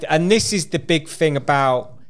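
A man's voice: fairly high pitch, animated, moderate pace. A man in his late thirties from the UK in casual chat, explaining his points earnestly with lots of restarts. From United Kingdom. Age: 30s.

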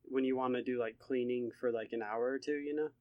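A man's voice: medium pitch, fairly even intonation, a little fast, no echo, dull audio. A young man co-hosts a casual podcast in a mid-range voice. He talks eagerly and rambles, with "like" in nearly every sentence. The recording is dry, with no room sound. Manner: enthusiastic, rambling with many likes. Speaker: podcast co-host.

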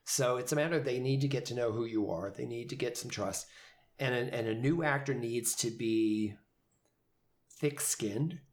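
A man talking through his thoughts in a relaxed podcast chat, his voice sitting at an ordinary middle pitch. He rambles a little, circling back with fillers and restarts as he explains how he directs actors. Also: moderate pace. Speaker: community theater director. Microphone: headphones and studio mic.

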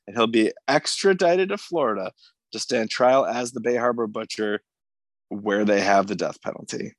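A man's voice: lowish voice, moderate pace, no echo. A man co-hosting a podcast, recapping the plot of a TV episode in long, casual runs and laughing easily. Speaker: podcast co-host.

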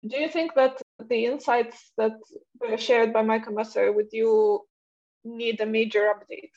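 A woman's voice: a little high, fairly even intonation, a little slow, a little mellow. A woman co-hosting a podcast, asking questions and recapping in a conversational way. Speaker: podcast co-host. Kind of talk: conversational chat. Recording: dull lo-fi audio.

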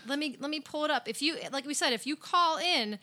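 A woman's voice: high voice, a little fast, sharp tone. Upbeat chatty woman podcast host. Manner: chatty, upbeat, reads news items aloud. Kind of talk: casual podcast chat about theme parks.

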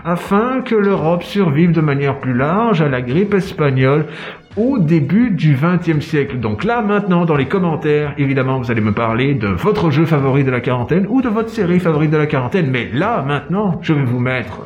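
A man's voice: a little high, expressive, moderate pace, a little mellow, dull audio, voice pushed up, close to an everyday voice. A man hamming up a pompous comic detective. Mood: mock-grandiose. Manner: theatrical, playful, with silly sung noises. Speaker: comedic sketch character.

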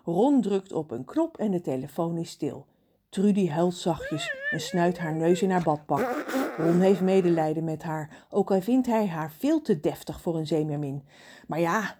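A woman narrating a children's audiobook in an expressive, storytelling manner. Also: lowish voice, breathy edge.

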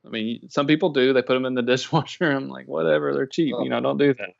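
A man's voice: mid-range voice, fairly even intonation, fast, vocal fry, dry recording. Dry, slightly muffled male podcast voice. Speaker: podcast co-host. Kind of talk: casual chat. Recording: dull, dry lo-fi audio.

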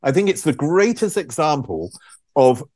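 A middle-aged English man with an English accent, a podcast guest who tells stories in a lively way, laughing often and acting out quotes. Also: fairly high pitch, normal speed, no room sound, studio quality. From England. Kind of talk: casual conversation.

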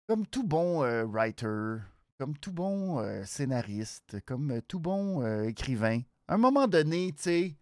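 A host with a nasal voice and a Quebec French accent gives a casual show recap, halting and repeating words for emphasis. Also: mid-range voice, no room sound, clean studio sound. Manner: animated, hesitant, halting phrases with repeats for emphasis. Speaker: wrestling show review host.

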